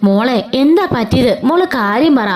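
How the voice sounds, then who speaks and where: A woman playing a gentle, worried older man. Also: high-pitched, expressive, normal speed. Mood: concerned. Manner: soothing, concerned. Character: gentle, worried middle-aged father-in-law.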